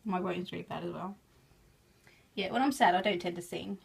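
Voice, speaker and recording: A fairly low voice with vocal fry, slightly rough and a little fast, belongs to a craft vlogger from England with an English accent. She casually narrates while showing her crafts, chatty and giggly, often making fun of herself.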